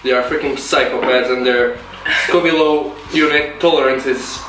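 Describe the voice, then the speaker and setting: A man's voice: mid-range voice, fairly even intonation, normal speed, background noise. A man chatting casually through a spicy food challenge, emphatic and repetitive, teary with his mouth burning from the heat. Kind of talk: casual chat during a spicy noodle challenge. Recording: echoey room, distant mic, music behind.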